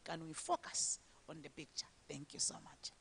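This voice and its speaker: A woman's voice: low-pitched, moderate pace, creaky, fairly bright tone, in a whisper. A woman on a conference panel who firmly explains how courts treat evidence and witnesses. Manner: firm and explanatory. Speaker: legal expert on a panel. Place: conference hall. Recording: long hall reverb.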